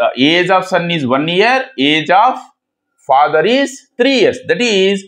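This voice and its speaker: A man's voice: sits high, very animated, extremely slow, a bit bright. A man with a Telugu accent, a native Telugu speaker, teaching a math lesson in English and Telugu. He repeats key words and asks questions that he answers himself.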